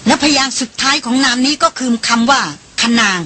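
A woman reading the part of an excitable, jumpy young man with an eager, breathless delivery. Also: sits high, fairly quick, a little hiss or hum, pitched above the performer's own voice. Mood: excited.

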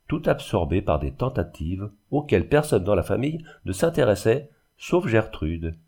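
A man narrating a literary audiobook in a measured, even storytelling manner. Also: on the low side.

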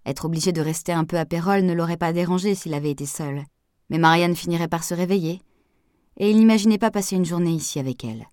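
Low-voiced woman reading a novel. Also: quick pace, a little mellow, no room sound, clean studio sound. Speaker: audiobook narrator. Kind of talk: scripted narration.

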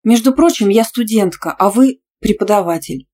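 A woman's voice: medium pitch, animated, moderate pace, voice pushed up, natural voice. A woman voicing a young female student who answers back sharply and defiantly. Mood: indignant. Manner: sharp, defiant, easily outraged.

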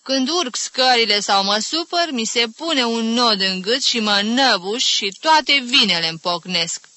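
A woman's voice: fairly high pitch, lively intonation, bright, forceful tone, dry recording, pitched above the performer's own voice. A woman voicing an elderly aunt confiding her complaints of breathlessness. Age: older. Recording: dry close studio reading.

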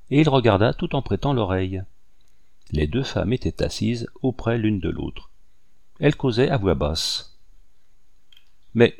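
A man narrating an audiobook in a measured, steady storytelling manner. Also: on the low side, vocal fry, no echo, clean studio sound. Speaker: audiobook reader.

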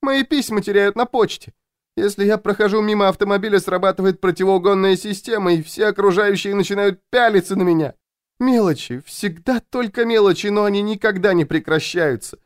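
A man voicing a frazzled, jumpy woman who feels hunted, speaking in a high, plaintive, complaining tone. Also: fairly quick, clean tone, no echo, clean studio sound, close to an everyday voice.

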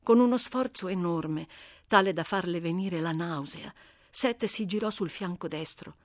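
A woman reading a novel aloud as an audiobook narrator, measured and expressive. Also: fairly low pitch, no echo, studio quality. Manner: measured, expressive, dramatic slowing. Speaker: audiobook reader. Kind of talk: scripted literary narration.

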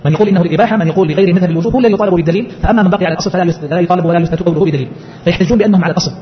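A man's voice: sits high, very fast. A man teaching and explaining a scholarly text, posing rhetorical questions as he goes. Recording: muffled lo-fi lecture recording.

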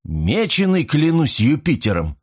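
An indignant young lord, voiced by a male narrator blusters and exclaims at a cheat. His pitch leaps up on each outburst. It is an audiobook scene. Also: animated, measured pace.

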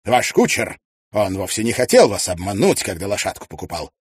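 Man narrating a confident Yorkshire gentleman in a storybook; quick, lively, dry sound. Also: on the low side, husky, no room sound. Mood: assured.

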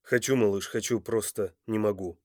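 A man's voice: lowish voice, steady tone, moderate pace, a little mellow, no room sound, clean studio sound, natural voice. A man voicing a tough young enforcer who talks in a firm, resolute way. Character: tough, steady young male enforcer and father.

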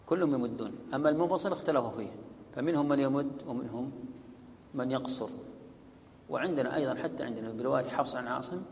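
A man teaching the rules of Quran recitation, reading lines from a text, then explaining them and repeating example words slowly. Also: medium pitch, creaky, big-room sound, slight background noise. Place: large mosque hall.

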